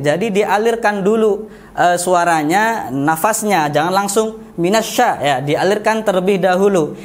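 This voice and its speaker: Slow, high-voiced Indonesian man teaching. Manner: slow, deliberate, drawls out example syllables; frequent self-corrections with "eh". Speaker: Quran recitation teacher. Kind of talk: patient step-by-step tajwid lesson.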